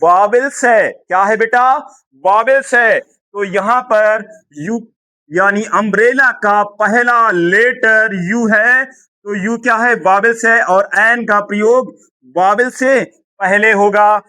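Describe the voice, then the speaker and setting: A man's voice: high voice, slow pace, sharp tone. A male teacher giving a grammar lesson, asking questions and answering them himself, affectionate toward his students. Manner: repetitive, asks and answers own questions.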